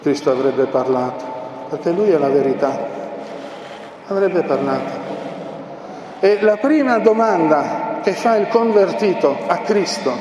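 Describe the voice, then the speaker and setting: A man's voice: a little high, expressive, unhurried, pauses often, dull audio. A male preacher giving an impassioned sermon, pressing his points with emphatic repetition. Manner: impassioned, emphatic, repeats key phrases. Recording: echoey hall with long reverb, faint noise.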